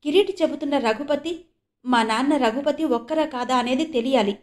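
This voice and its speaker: An emotional middle-aged father in an audio novel, voiced by a woman narrator. His pleading questions come slightly high and loud, earnest and urgent. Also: moderate pace, close to an everyday voice.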